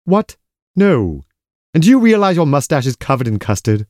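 A man's voice: a little high, very animated, normal speed, a little mellow, no room sound. A man playing a dry, secretive schemer in a comic audio drama, formal, terse and disapproving. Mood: irritated.

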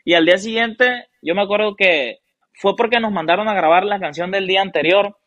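A young man, chatting casually as a guest musician, relaxed and full of fillers. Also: high voice, brisk, no room sound, lo-fi sound. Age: young adult. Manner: relaxed, slangy storytelling with many fillers. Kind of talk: casual interview chat.

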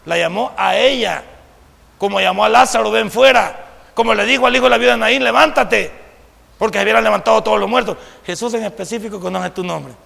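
A male pastor preaching a sermon, swinging between loud declarations and quiet asides and putting rhetorical questions to the congregation. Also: sits high, quick pace, gravelly. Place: church sanctuary. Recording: long reverb of a church hall.

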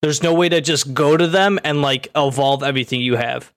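A man's voice: mid-range voice, fairly quick, clean tone, no room sound. A man hosting a casual podcast chat, teasing his friends and addressing the chat.

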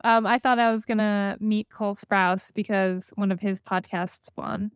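A woman's voice: mid-range voice, steady tone, moderate pace, clean tone, no echo. A woman guest on a podcast, a former co-host, chatting casually and upbeat with many fillers. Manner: upbeat, with frequent fillers and laughs.

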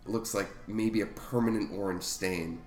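A man's voice: fairly low pitch, fairly even intonation, moderate pace, a little mellow. Hesitant male tabletop player. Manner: hesitant, filler-heavy. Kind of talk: describing a scene in a tabletop game. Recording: echoey room with faint music.

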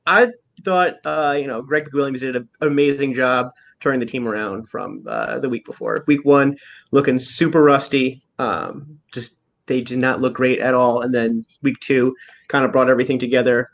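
A man's voice: medium pitch, steady tone, moderate pace, gravelly. A man who coaches a local club, chatting as a guest on a live stream in an easygoing way, often saying "you know". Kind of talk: casual live-stream chat. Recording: dull lo-fi sound.

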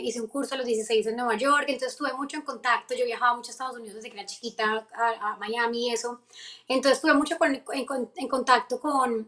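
A young woman being interviewed as a singer-songwriter, talking in a lively way and mixing in English phrases. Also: fairly high pitch. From Colombia. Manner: lively, mixes in English phrases, quick restarts. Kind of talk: casual interview.

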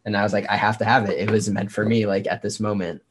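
Here the performer and tarot reader guests on a livestream, chatting in a rambling, informal way and leaning on "like." His lowish voice barely moves in pitch, the pace is quick, and there's a little hiss or hum.

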